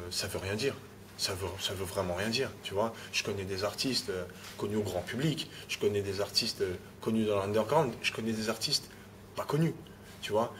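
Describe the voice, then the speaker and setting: A man with a fairly low voice speaks in a relaxed interview, stumbling and restarting lines and dropping "tu vois" between thoughts. Clear background noise sits under the recording. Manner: repeats words, restarts phrases, adds "tu vois". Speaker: rapper being interviewed. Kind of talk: casual interview talk.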